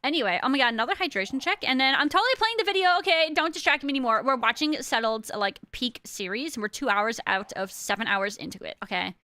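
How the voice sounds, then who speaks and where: A woman's voice: sits high, animated, fast talker, few pauses, sharp tone. A woman streamer in her thirties chatting casually on a livestream, hamming up a playful valley girl manner with mock slang and self-mocking jokes. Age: 30s.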